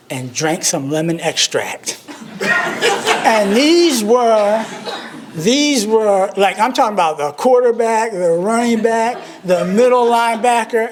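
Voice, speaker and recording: A man, giving a memorial tribute speech. He tells humorous, self-deprecating stories. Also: high-pitched. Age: 60s. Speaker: alumnus speaker at a memorial service.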